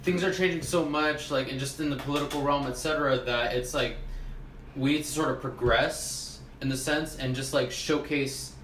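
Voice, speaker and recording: A man with a medium-pitched, steady, slightly bright voice co-hosts a casual podcast chat with friends at a moderate pace. A little tipsy from drinking, he rambles and swears freely, in an echoey room with faint ambient noise.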